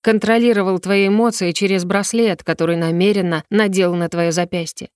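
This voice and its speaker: A woman reading a storybook voices a tormented, harsh young male elf, speaking in a strained, slowed, pleading way. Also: medium pitch, steady tone, darkish tone, clean tone, no echo, studio quality, natural voice. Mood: anguished.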